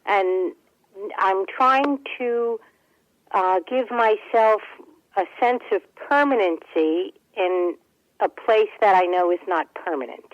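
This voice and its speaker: Friendly woman caller heard through a dull, clipped phone line, mid-range pitch, hesitant and self-correcting. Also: slow, no echo. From New Jersey. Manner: friendly, hesitant, rephrasing herself. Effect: clipped, dull telephone line. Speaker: radio call-in caller. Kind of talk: casual call-in chat.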